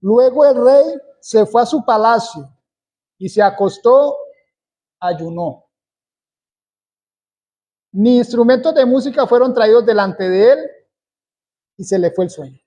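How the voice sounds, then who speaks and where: Slow, high-pitched preaching man. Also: expressive, dark tone. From Colombia. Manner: slow, deliberate preaching with emphatic repetition. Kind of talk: sermon.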